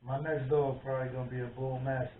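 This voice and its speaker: A man's voice: medium pitch, fast talker, slight background noise. A man co-hosting a podcast, chatting casually and acting out the people in his stories. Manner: animated storyteller, acts out quotes. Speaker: podcast co-host. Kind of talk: casual chat. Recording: echoey room, tinny phone-like sound, from far off.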